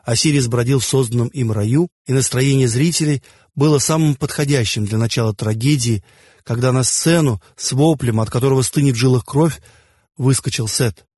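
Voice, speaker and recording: A man narrating an audiobook in the first person, in a measured storytelling manner. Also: mid-range voice, a little mellow, husky, dry recording, clean studio sound.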